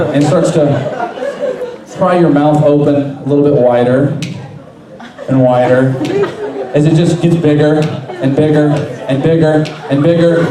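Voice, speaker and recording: High-pitched man hypnotist in an echoey hall. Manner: repetitive suggestive patter addressing volunteers. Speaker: stage hypnotist. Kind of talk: comedy hypnosis show performance. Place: large indoor hall. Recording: echoey large hall, distant, audience noise. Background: live audience crowd.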